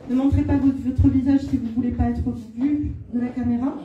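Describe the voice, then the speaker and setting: A woman's voice: high voice, level tone, fairly quick, phone-quality sound. A woman with a southern French accent, speaking as a medium to a live audience in a plain-spoken, informal way. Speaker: spirit medium. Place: indoor hall at a live-streamed event. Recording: echoey room, distant mic.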